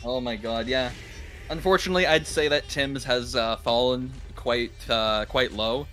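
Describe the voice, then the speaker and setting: A man's voice: medium pitch, normal speed, bright, forceful tone, faint music behind. A man from Canada casting a live game stream, explaining at length and laughing often. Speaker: esports caster. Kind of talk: casual live-stream commentary.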